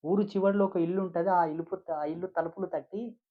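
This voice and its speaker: A man's voice: sits high, steady tone, fairly quick, narrow, tinny audio. A man preaching a devotional sermon as a spiritual teacher, emphatic and repetitive, with frequent rhetorical questions.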